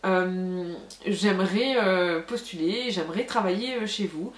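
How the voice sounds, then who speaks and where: A young woman from France chats straight to her viewers, frank and loose, with many filler sounds. Her voice sits at an ordinary middle pitch. The room around her rings with noticeable echo. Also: measured pace. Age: young adult. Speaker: vlogger. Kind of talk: casual storytelling to camera. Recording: echoey room.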